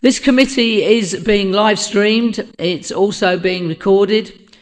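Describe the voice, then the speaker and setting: Croaky-voiced woman chairing a meeting. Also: medium pitch, slow pace, poor audio. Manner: polite, procedural, reads out names and rules. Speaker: planning committee chair. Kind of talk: formal meeting procedure. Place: council chamber.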